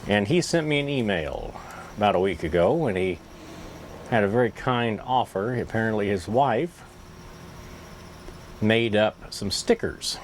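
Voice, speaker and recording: Man, slightly low voice, pipe in mouth, casual vlog chat, folksy and self-deprecating, faint background noise. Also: animated, unhurried, long pauses. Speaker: pipe-smoking YouTube vlogger.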